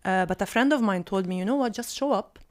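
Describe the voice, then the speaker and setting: A woman's voice: mid-range voice, fast talker. A woman in her thirties from Lebanon, a comedian guest chatting casually on a podcast and explaining things at length. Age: 30s.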